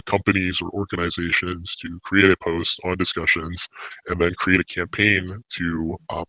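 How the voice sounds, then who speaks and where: A man speaking through a deep pitch-shifting voice changer, a lead developer giving a steady podcast update with many filler uhs. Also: no room sound, lo-fi sound.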